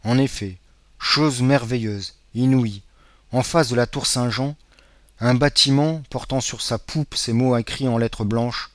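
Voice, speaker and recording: A man narrating a classic novel as an audiobook, in a measured, dramatic reading. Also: mid-range voice.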